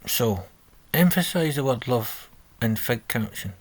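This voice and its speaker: A man's voice: mid-range voice, animated, a little slow, slight background noise. A man talking through a coding exercise on a screen recording, reading out steps and correcting himself as he goes. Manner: thinking aloud, self-correcting, reading instructions. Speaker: coding tutor. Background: keyboard typing.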